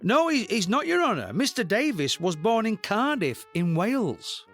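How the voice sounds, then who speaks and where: A nervous defence lawyer, played by a man, pleading his clients' cases in a raised, lively voice that keeps climbing in pitch. He sounds hesitant, and faint music runs behind him. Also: moderate pace, full character voice.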